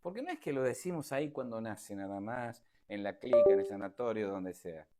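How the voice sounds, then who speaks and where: Over a video call, a man delivers a casual talk to online listeners in a voice on the low side, a little fast, with lively intonation. He speaks conversationally, repeating himself and stressing points emphatically.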